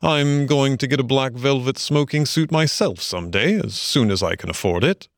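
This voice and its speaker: A man's voice: medium pitch, expressive, moderate pace, no room sound, studio quality, pitched above the performer's own voice, close to an everyday voice. A man reading a storybook aloud, voicing a genial, dreamy male water rat who speaks solemnly and enthusiastically.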